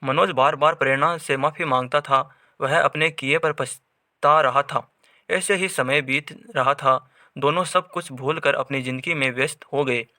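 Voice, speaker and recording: Male storyteller, scripted narration, bright tone, dry close sound. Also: fairly high pitch, no room sound. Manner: steady storytelling read.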